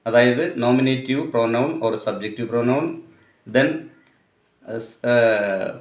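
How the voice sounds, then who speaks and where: A man with a Malayali accent teaches an English grammar lesson, spelling out terms at a very slow, deliberate pace. His voice sits in a middle pitch. The recording is echoey and a little dull, like a small room captured on basic gear. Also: fairly even intonation.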